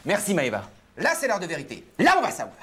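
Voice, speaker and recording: A man acting in a comedy sketch, brash and mocking, loud and excitable. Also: high-pitched, fast, over music. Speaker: office worker in a sitcom. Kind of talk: sitcom acting.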